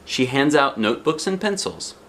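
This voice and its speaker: A man of medium pitch reads a kids' picture book at a moderate pace, his voice a bit bright and swinging widely in pitch. He mixes expressive reading with chatty remarks and questions for the child, and a little hiss or hum is audible.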